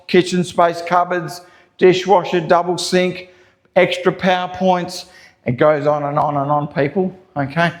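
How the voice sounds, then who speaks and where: Australian man giving an echoey house tour. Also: on the high side. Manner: salesy, repeats folksy asides to viewers. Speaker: real estate agent presenting a house tour. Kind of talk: informal property walkthrough commentary. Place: empty house interior, walking between rooms. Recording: echo in empty rooms.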